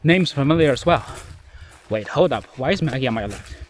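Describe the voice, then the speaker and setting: A man talks a little fast in an expressive, mid-range voice while filming himself alone on a rain-soaked forest trail, where a stream and the forest can be heard. He sounds nasally and somewhat tired, rambling self-deprecatingly in a casual diary over a little hiss or hum.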